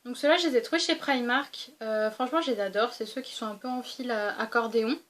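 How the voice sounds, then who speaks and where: A beauty vlogger with a fairly high, slightly bright voice talks fairly quickly as she shows her weekend travel toiletries. The young woman keeps it casual and chatty, with plenty of fillers and restarts.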